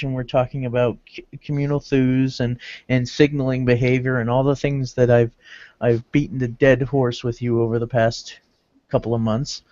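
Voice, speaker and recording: A man co-hosting a casual podcast, explaining ideas in a measured, lecturing way, on a dull lo-fi recording. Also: medium pitch, dark tone, no room sound. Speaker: podcast co-host. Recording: dull lo-fi, dry.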